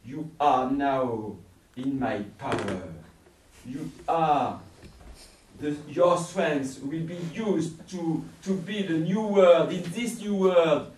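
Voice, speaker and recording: A man playing a mysterious, menacing fox-like man in a theatrical tall tale, commanding and deliberate, in a booming voice. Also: a little mellow, slight background noise. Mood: menacing, fanatical. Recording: roomy, distant mic.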